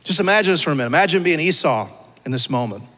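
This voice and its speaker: In a church sanctuary, a male pastor preaches very fast, his slightly high voice animated, pushed and bright. He keeps it conversational, tossing rhetorical questions to his listeners, and the hall adds a long reverb.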